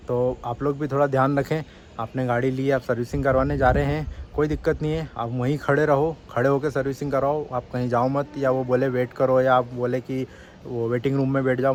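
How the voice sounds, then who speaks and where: A man's voice: medium pitch, a little hiss or hum. A man vlogging in casual Hindi, earnestly recounting a dispute with a service centre and warning viewers to watch their own servicing. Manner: earnest, complaining retelling of a dealer dispute, then direct warnings. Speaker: motorcycle vlogger. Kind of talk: casual first-person account and advice to viewers.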